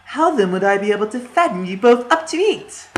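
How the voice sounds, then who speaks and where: A cunning witch who fattens children up to eat them, as a storyteller puts her on. She talks slow and sweet in a raised voice that leaps way up, with a sinister edge. It sounds like an echoey room. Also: high-pitched, big pitch swings, a little hiss or hum, pitched above the performer's own voice. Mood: menacing.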